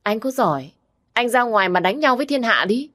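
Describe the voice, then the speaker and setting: A woman voicing a fierce, sharp-tongued young village woman who scolds bluntly. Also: a little high, big pitch swings, brisk, pitched above the performer's own voice. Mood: scolding.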